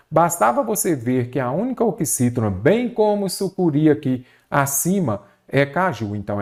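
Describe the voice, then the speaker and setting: Male Brazilian tutor, mid-pitched, for an exam-prep lesson; explanatory and full of rhetorical questions. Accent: Brazilian Portuguese. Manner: didactic, asks rhetorical questions and answers them. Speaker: Portuguese teacher.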